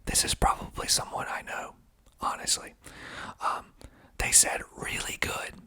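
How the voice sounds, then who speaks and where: In this ASMR video, the host, a man who works as a filmmaker and actor, reads in a deliberate whisper that is breathy and mostly unvoiced. Every so often he slips in dry, deadpan remarks with a wry edge.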